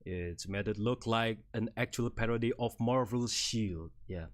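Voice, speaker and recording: With a lowish, unhurried voice, this VTuber streamer, an Indonesian man in his thirties, talks in Indonesian-accented English on a live stream. Walking through slides about himself, he chats in a rambling, good-humored way, frequently breaking into chuckles.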